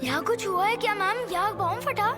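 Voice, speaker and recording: A woman voicing a frightened, clingy little boy in a film dub, who talks in a high, pleading whimper. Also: a little fast, loud music behind the voice, lightly acted. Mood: curious. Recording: loud film score behind.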